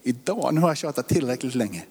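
A man in his forties, a pastor preaching a sermon, rising to loud emphasis and dropping to hushed whispers. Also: medium pitch, expressive, slightly rough. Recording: long hall reverb.

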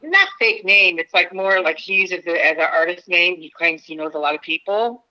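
A woman's voice: fairly low pitch, animated, moderate pace, sharp tone. A woman on speakerphone as a podcast guest, chatting casually and rambling with many fillers and restarts. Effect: on speakerphone, heard through a phone line. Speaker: podcast guest, stand-up comedian. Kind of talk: casual phone interview. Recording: lo-fi phone audio.

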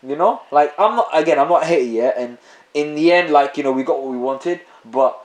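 Fast-talking man in a roomy echo. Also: fairly high pitch, lively intonation. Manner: fast, insistent, tags lines with "yeah". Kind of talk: casual chat.

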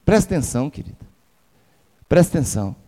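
A Brazilian pastor preaches with a notably high voice for a man, his words ringing out in a church sanctuary with a long reverb. He drives his sermon with rhetorical questions and calls for amen. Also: sing-song, brisk, dark tone. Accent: Brazilian Portuguese.

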